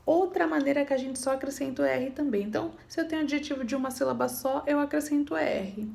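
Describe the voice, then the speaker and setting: A woman's voice: sits high, fast talker, gravelly, a little mellow. A woman teaching an English grammar lesson, patiently explaining rules and checking in with her students. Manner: patient, repeats points, checks in with "tá bom?".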